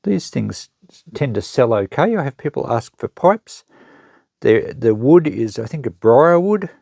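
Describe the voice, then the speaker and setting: In a dry, clean studio recording, an Australian man runs an unboxing, chatting casually and plainly as he thinks aloud and displays items. He hosts an unboxing channel and sells secondhand goods, and his medium-pitched, mellow voice is very animated and unhurried, with vocal fry. It's unscripted show-and-tell talk.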